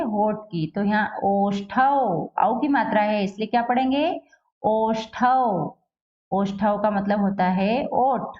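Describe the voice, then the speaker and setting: A woman's voice: on the high side, dull audio. Female teacher asking and answering herself. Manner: asks questions then answers them herself, repeats each word slowly. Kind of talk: classroom lesson for children.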